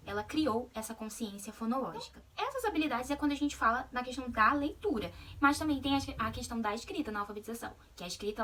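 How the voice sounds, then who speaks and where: A woman's voice: a little high, fairly bright tone, distant mic. A Brazilian woman giving a video lesson on literacy, talking with many hesitations and check-ins to her audience. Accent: Brazilian Portuguese. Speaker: literacy educator.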